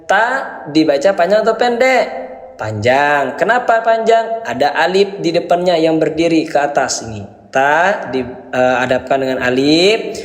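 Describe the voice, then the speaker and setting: A man teaches beginners in a slow, patient lesson, asking questions and answering them himself. His voice sits a bit high for a man. The room is echoey, with a long trailing reverb. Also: lively intonation. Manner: repeats and quizzes with questions, then answers himself; addresses parents as Ayah Bunda. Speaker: Quran reading teacher.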